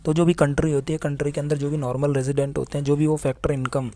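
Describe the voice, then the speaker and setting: A man's voice: fairly high pitch, level tone, fast talker, mellow. A young man teaching economics in a casual classroom lecture, writing on a board as he talks, asking questions and answering them himself in a chatty way. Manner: chatty, asks and answers his own questions, voices imagined students.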